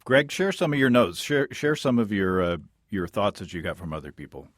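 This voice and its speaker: A man hosting a casual podcast interview, phrasing things in a halting, reworded way. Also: lowish voice, sing-song, no room sound. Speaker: podcast host.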